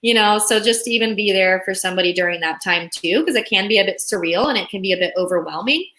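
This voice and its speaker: A woman's voice: medium pitch, fast talker, pushed and bright. A young woman, born in Russia, chatting upbeat with viewers on a live stream as a relocation consultant. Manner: upbeat, chatty, reads viewer comments aloud.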